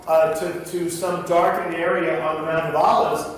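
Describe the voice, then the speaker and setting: A pastor from New York with a New York accent, giving a thoughtful Bible study talk, with many fillers and restarts. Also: male voice, on the high side, flat delivery, normal speed. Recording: echoey room with faint noise.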